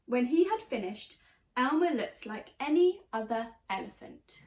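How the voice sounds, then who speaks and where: A woman reading a children's story aloud like a teacher, expressively and deliberately, stressing key words. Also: fairly high pitch, very animated. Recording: roomy, echoey sound.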